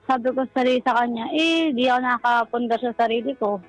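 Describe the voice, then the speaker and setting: On a talk show, a woman with a Filipino accent calls in and politely, deferentially recounts her personal troubles. She speaks fast in a fairly high voice. Music plays under her on a rough recording.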